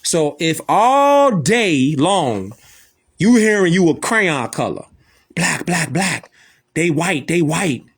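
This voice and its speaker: A man's voice: a little high, big pitch swings, slow, husky. A man giving preachy commentary in casual slang, emphatic and repetitive.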